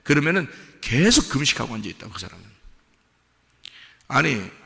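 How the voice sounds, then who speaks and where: A male pastor preaching a sermon in a church, emphatic, swinging from hushed asides to shouted lines. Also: mid-range voice, sing-song, normal speed, vocal fry, in a large hall. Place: church sanctuary.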